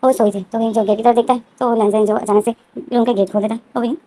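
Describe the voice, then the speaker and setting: Fast-talking woman retelling a story. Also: a little high, fairly even intonation, dark tone. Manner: rapid, repetitive narration with many fillers. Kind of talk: casual fan-fiction retelling.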